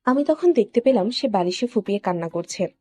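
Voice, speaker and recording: A woman telling a first-person story in a steady, confessional narration. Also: mid-range voice, a little fast, slightly rough.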